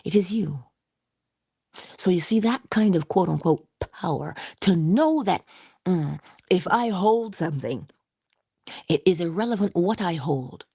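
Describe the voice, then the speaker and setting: Woman, motivational speaker, low gravelly voice, husky, slow rhetorical questions and whispered asides, close and dry. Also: animated, dark tone, no room sound. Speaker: inspirational speaker. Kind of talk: reflective spoken meditation.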